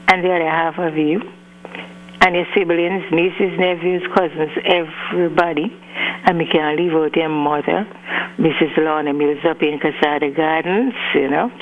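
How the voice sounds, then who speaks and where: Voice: medium pitch, a little hiss or hum. A caller with an Antiguan accent, heard over a clipped phone line, rambling through birthday greetings and stringing names together with frequent "you know". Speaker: radio call-in caller. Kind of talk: birthday shout-outs on a call-in show. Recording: faint humming phone line.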